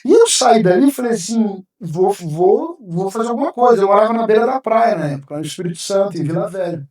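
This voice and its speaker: A man's voice: high-pitched, expressive, fast talker, a little mellow. A man, a pastor giving an emotional personal testimony as a podcast guest, acting out what he once said. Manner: emotional, vivid storytelling, acting out his own past words. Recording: roomy sound, mic at a distance.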